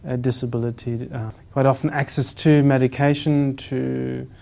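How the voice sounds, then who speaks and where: Gravelly, flat-voiced man speaking earnestly. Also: medium pitch, moderate pace. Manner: earnest, hesitant with fillers. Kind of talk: advocacy statement.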